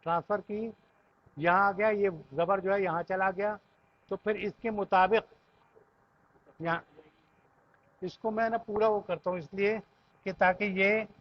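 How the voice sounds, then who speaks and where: A Pakistani man with an Urdu accent teaches Arabic grammar to a class, patiently reciting verb conjugations in lists and checking that students keep up. His voice is high and steady, and he speaks unhurriedly with frequent pauses. The classroom recording is dull and lo-fi.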